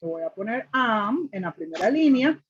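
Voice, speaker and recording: A woman teaches a class, laying out rules step by step and checking answers with her students. Her voice sits a little high and has a husky edge. The recording is dull and lo-fi. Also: big pitch swings, moderate pace. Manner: explains step by step, repeats rules, asks the class questions. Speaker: English teacher. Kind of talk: classroom grammar lesson.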